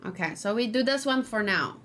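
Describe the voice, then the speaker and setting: A woman with a fairly high, expressive voice talks briskly and a bit brightly while hosting a game stream, chatting casually, thinking aloud and often muttering to herself. The noisy recording carries keyboard and mouse clicks.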